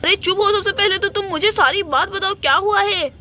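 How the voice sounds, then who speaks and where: A woman voicing a kindly, brave uncle who talks in a brisk, protective, commanding way. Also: extremely high pitch, bright, forceful tone. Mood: concerned. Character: brave kindly male uncle, rescuer of children.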